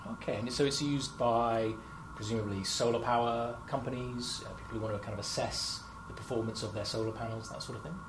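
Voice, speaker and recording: A young marketing host runs a corporate product interview while standing indoors in a company lab. He speaks a little fast in a medium-pitched voice with fairly even intonation, chatty and upbeat with frequent fillers. Lab background noise can be heard.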